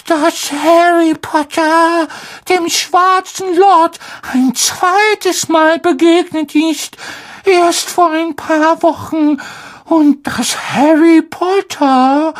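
A woman voicing a tiny, devoted male house-elf, squeaky, hoarse, slow and tearful. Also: full character voice. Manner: squeaky, slow and pleading, on the verge of tears.

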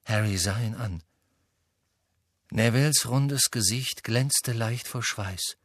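A man narrates a novel in a measured storybook manner. His voice is husky, with a mid pitch. The recording is dry and close, with no room sound. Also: dry recording. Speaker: audiobook reader. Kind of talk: scripted narration.

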